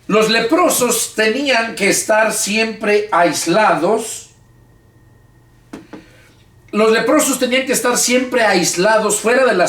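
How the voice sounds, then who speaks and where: Slow, high-voiced pastor in an echoey room. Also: male voice, a bit bright, recorded from a distance. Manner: reads scripture aloud, then explains it in his own words; casual, colloquial speech with repeated restarts. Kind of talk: Bible study teaching.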